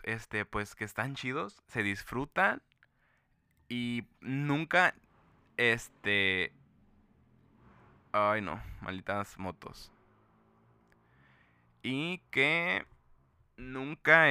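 Young Mexican man, casual podcast host, rambling and chatty; clear bright tone, dry close sound. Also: lowish voice, no room sound. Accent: Mexican Spanish. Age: young adult. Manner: rambling, full of fillers and restarts. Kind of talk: casual monologue.

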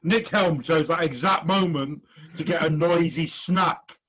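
A man's voice: on the high side, measured pace, fairly bright tone, poor audio. A man hosting a comedy quiz over a video call, jokey and hesitant with many fillers. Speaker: quiz host. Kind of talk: online comedy panel show hosting.

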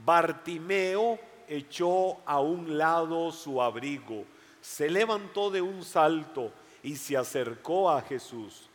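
A man preaching a sermon with passion, often raising his voice to shout the cries in the story. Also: fairly high pitch, lively intonation, slow. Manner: impassioned, shouts quoted cries. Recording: long hall reverb.

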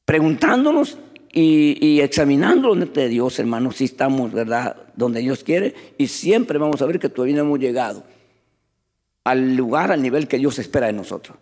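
A man preaching a sermon as pastor, animated and often addressing the congregation as brothers. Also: mid-range voice, normal speed, in a large hall.

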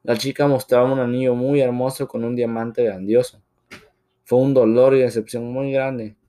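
A man narrating a domestic drama with emotive weight. His voice sits at a medium pitch and carries the story steadily from one scene to the next. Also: mellow.

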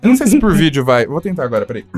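A Brazilian man telling a story in a casual chat among friends, acting out the voices and laughing often. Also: a little high. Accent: Brazilian Portuguese. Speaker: podcast guest telling a story.

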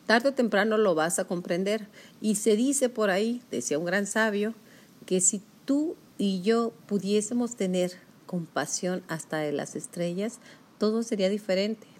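A woman's voice: mid-range voice, darkish tone. A woman giving a motivational self-help talk, speaking directly to the listener in a coaching manner.

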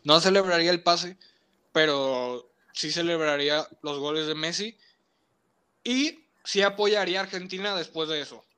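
A man's voice: fairly high pitch, moderate pace, sharp tone, smooth. A young man with a Mexican accent, a podcast co-host in stubborn, teasing casual sports banter.

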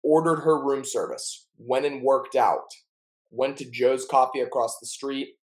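A man's voice: mid-range voice, steady tone, a little slow, poor audio. Chatty young man telling jokey stories. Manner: chatty, jokey storytelling with playful word mangling. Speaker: podcast co-host. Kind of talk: casual chat.

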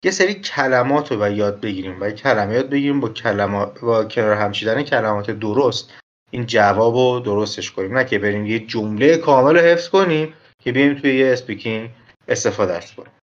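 A man's voice: mid-range voice, highs cut off. A man giving a casual lesson as a tutor, talking in a chatty, direct way and repeating his points for emphasis. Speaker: IELTS speaking tutor.

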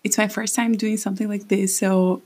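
Her voice is mid-range, a little mellow with a breathy edge, barely shifting in pitch as she talks at a moderate pace. She's a Brazilian woman in her late twenties with a Brazilian Portuguese accent, standing at a home mic for her casual solo podcast and rambling self-consciously.

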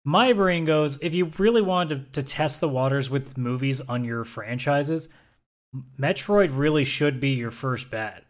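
A man's voice: medium pitch, a little slow. A man co-hosting a podcast in casual chat, talking in a blunt, opinionated and emphatic way. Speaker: podcast co-host.

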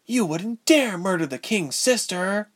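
A man's voice: sits high, animated, a little slow, fairly bright tone, voice pushed up, full character voice. A man voicing a defiant young woman prisoner, urgent and pleading in a raised voice.

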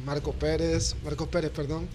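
Casting: male radio panelist, somewhat high voice, casual sports talk. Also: little pitch movement, moderate pace, darkish tone.

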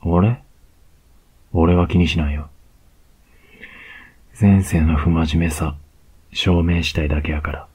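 A man with a Kansai accent playing a cocky young male student who teases his teacher, in a whispered role-play with a slow, close murmur. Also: low voice, steady tone, slightly rough, exaggerated voice. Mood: teasing. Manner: slow, close, teasing murmur with soft laughs.

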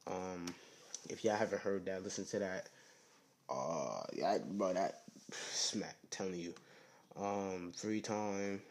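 A young man hosting a casual solo podcast, talking low in a rambling, slangy way with lots of "you know what I'm saying.". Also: slow, a little hiss or hum. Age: young adult. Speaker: podcast host.

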